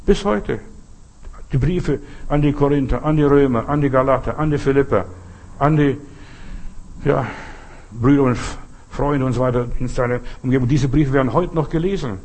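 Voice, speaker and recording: A man preaching a sermon, speaking emphatically and straight to his listeners, often repeating his key phrases and ending in a quiet prayer. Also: mid-range voice, moderate pace, long pauses.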